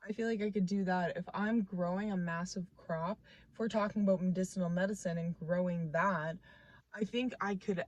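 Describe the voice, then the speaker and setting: A woman's voice: lowish voice, no room sound. Rambling young woman thinking aloud. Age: 20s. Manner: rambling, thinks aloud with many fillers and restarts; playful, self-mocking. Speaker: vlogger. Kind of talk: casual chat to camera.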